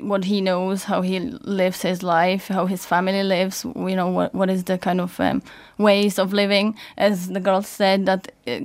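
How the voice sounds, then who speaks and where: Czech woman speaking earnestly. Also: mid-range voice. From Czech Republic. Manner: earnest, hesitant phrasing. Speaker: guest. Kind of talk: casual radio discussion.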